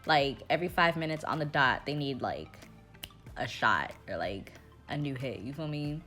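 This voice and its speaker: A woman's voice: extremely low pitch, animated, normal speed, pushed and bright, faint music behind. A young woman narrating a casual vlog as a barista, chatty and slangy, often joking about herself. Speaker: barista vlogger.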